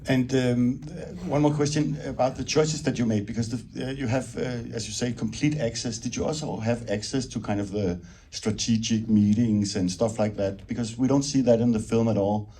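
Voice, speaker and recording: A man's voice: mid-range voice, fairly even intonation, moderate pace, few pauses, warm tone, slightly rough. A man moderating a film Q&A, asking questions in a conversational, hesitant way. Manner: conversational, hesitant with filler words. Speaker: event moderator. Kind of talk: hosting a post-screening Q&A. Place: screening venue with live audience. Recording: noisy room with crowd murmur.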